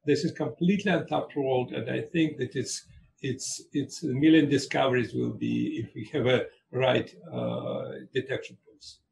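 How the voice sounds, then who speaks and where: Gravelly-voiced man, halting and earnest. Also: mid-range voice, darkish tone, a little hiss or hum, poor audio. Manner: earnest, halting, restarts and repeats words. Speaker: neuroscience professor, panel guest. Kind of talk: panel discussion.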